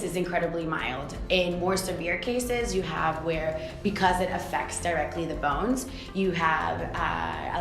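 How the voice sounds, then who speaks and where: A young adult woman from Costa Rica, a swimwear founder, speaking candidly and reflectively in a documentary interview, with many fillers. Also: low-pitched. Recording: echoey room with music behind.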